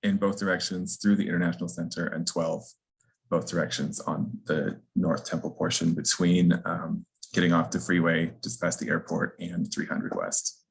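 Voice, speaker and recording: A man's voice: low voice, flat delivery, moderate pace, gravelly, slightly rough, poor audio. A man who works as a transit staffer, informally answering questions at an online public hearing.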